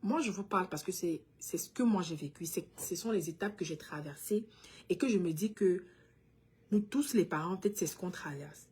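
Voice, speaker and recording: A woman's voice: fairly low pitch, normal speed, mellow, slightly rough. A woman from Cameroon with a Cameroonian French accent, a mother talking earnestly and directly to other parents, sometimes switching into English. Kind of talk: casual direct-to-camera talk.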